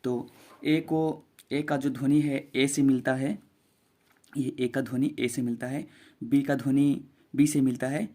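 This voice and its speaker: A man's voice: medium pitch, flat delivery, measured pace, mellow. A man teaching a beginner English phonics lesson, patiently repeating each sound.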